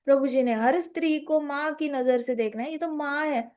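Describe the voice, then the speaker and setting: A woman's voice: high voice, normal speed, a little mellow. A woman giving a devotional story talk, explaining in Hindi mixed with English words and acting out short quotes. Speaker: spiritual speaker.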